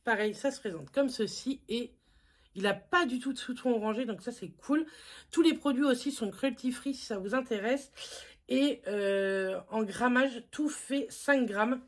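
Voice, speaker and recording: Female beauty vlogger, relaxed and chatty, teasing herself while showing products to camera. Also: on the high side, unhurried. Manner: chatty, self-mocking, lots of fillers. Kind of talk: casual makeup haul review.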